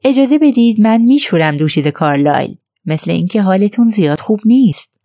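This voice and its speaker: A woman's voice: medium pitch, animated, dark tone, no echo, studio quality, pitched above the performer's own voice, natural voice. A woman voicing a cheerful, bustling middle-aged nurse who talks in a chirpy, coaxing way. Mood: brisk.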